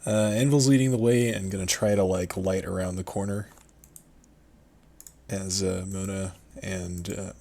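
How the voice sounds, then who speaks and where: Low, slow-talking man at a game table. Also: steady tone, creaky, warm tone. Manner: tentative, thinks aloud with fillers. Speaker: player. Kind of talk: casual tabletop game play.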